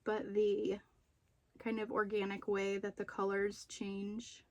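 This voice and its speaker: A woman's voice: medium pitch, completely flat delivery, slow, darkish tone, dry recording. A woman chatting casually in a home video as she shows off her craft projects. She rambles a little and stops to remember details. She sounds slightly out of breath after being ill. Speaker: crochet and knitting vlogger. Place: room at home with poor lighting.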